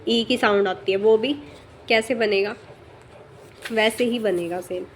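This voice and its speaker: A woman teaching shorthand in a casual spoken lesson, explaining slowly with many fillers and checking in often, her voice dropping softer as she writes. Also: medium pitch, steady tone, a little hiss or hum.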